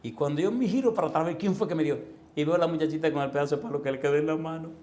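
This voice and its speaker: Animated storytelling pastor, higher-voiced man. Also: racing, reverberant. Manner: animated, acts out voices and sounds, rising to forceful emphasis. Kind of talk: storytelling sermon.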